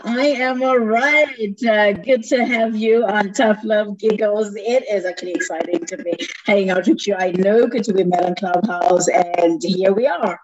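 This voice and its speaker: A woman's voice: medium pitch, measured pace, hardly any pauses, crowd noise. A woman from Zimbabwe hosting a radio interview, chatting in a bubbly, playful way with frequent laughs. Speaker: radio show host. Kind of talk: casual interview chat. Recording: dull lo-fi sound.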